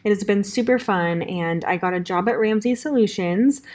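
A young woman with a California Valley Girl accent chats on her solo podcast. She sounds upbeat and bubbly, dropping casual fillers as she goes, in a voice of ordinary pitch for a woman. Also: moderate pace, a little mellow. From Southern California. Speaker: podcast host.

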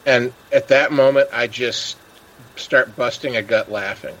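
A man's voice: mid-range voice, measured pace, fairly bright tone, lo-fi sound. A man chatting casually as a podcast host, telling stories and acting out the people he quotes. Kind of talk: casual chat.

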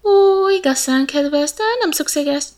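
A woman voicing a sly, hungry male snake in a storybook reading, slow and drawn-out with a hissing lisp. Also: high voice, a little mellow, voice pushed up, close to an everyday voice.

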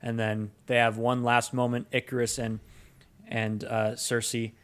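A man co-hosting a relaxed movie podcast, retelling a plot at length. His speech is full of ums, uhs and restarts, at an ordinary middle pitch for a man. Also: measured pace, smooth. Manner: rambling plot recap with frequent ums and uhs. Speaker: podcast co-host. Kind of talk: casual movie review chat.

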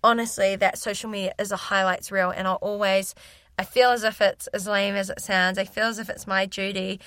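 A woman's voice: mid-range voice, level tone, brisk, fairly bright tone, no echo. A young woman speaking candidly and chattily as a guest in a casual interview. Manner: candid, talkative. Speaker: fitness influencer, interview guest.

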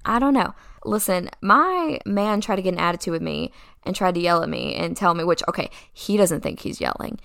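Young woman, gravelly low voice, dry close sound, animated casual storytelling. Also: fairly quick, no echo. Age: young adult. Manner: animated, dramatic, quotes people in voices. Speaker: vlogger telling a story.

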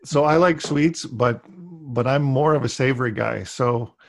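A man hosting a relaxed interview, talking in a rambling way with many fillers and restarts. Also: mid-range voice, measured pace, gravelly, no echo. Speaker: interview host. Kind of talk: casual interview conversation.

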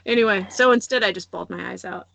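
A woman in her thirties hosting a casual faith podcast, telling stories in an animated way and acting out voices. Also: medium pitch, fast, creaky, a little hiss or hum. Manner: animated storytelling, acts out voices and laughs often. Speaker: podcast host.

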